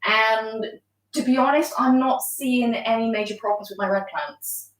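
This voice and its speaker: A woman's voice: a little high, moderate pace, faint music behind. Woman, casual explainer, hesitant ums, echoey room, distant mic. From outside Denmark. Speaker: aquascaper. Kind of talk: casual chat while planting a tank.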